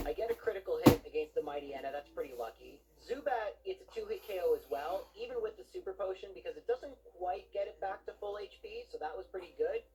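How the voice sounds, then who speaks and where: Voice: mid-range voice, dark tone, slight background noise, poor audio. A narrator giving scripted video game commentary in an explanatory, conversational way.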